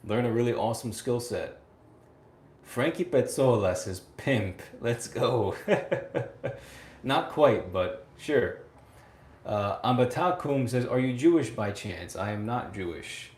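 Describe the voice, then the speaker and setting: A reverberant recording captures a mid-range, expressive male voice speaking slowly. He's an American in his late twenties hosting a casual livestream and responding to viewer comments. He's chatty, laughs often, repeats phrases and ends sentences with "right?".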